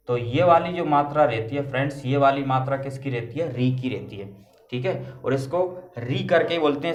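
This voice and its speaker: A man teaches a lesson at a middle pitch, putting questions to his students and then answering them himself. His voice carries a roomy echo, as if recorded in a bare classroom. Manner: explains step by step, asks and answers his own questions. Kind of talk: classroom lecture.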